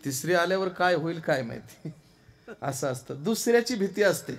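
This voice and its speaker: A man delivering a devotional kirtan sermon on stage, his voice pitched a little high for a man. He preaches with fervour, dropping to quiet asides and then rising to loud exclamations, speaking into a stage microphone. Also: lively intonation, moderate pace, faint music behind. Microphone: stage microphone through a sound system.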